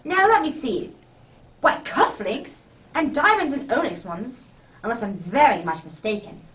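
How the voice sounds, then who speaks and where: A distant-sounding woman acting as a kindly gentleman doctor playing Santa in a radio play. The voice is high and hearty, swinging freely through bluff, old-fashioned exclamations. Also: very animated, unhurried. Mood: startled, bewildered. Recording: distant microphone.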